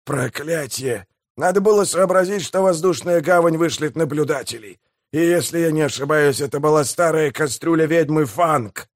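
Рычащий хвастливый пиратский мэр, которого изображает мужчина-чтец, голос заметно выше и с другим тембром. Говорит громко и напористо, как кровожадный главарь из аудиокниги. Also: male voice, a little high, moderate pace, voice pushed up, lightly acted. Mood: growling boastful. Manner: growling, boastful. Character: blustering bloodthirsty pirate mayor, man.

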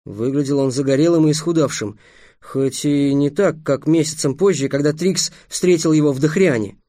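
A man narrating an audiobook in a measured, dramatic way, dropping low and soft for ominous moments. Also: no echo, clean studio sound. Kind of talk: scripted narration.

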